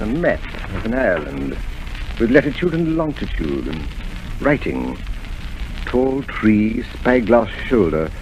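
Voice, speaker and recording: An actor playing a calm, shrewd country doctor in a 1930s radio drama, speaking in a measured, deliberate way. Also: male voice, lowish voice, slight background noise, low-quality recording.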